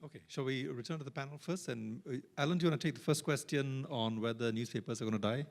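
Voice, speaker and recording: A man's voice: medium pitch, quick pace, creaky. A man chairing a conference Q&A who speaks in a hesitant way, with many fillers. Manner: hesitant, filler-heavy phrasing. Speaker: moderator. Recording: reverberant conference hall.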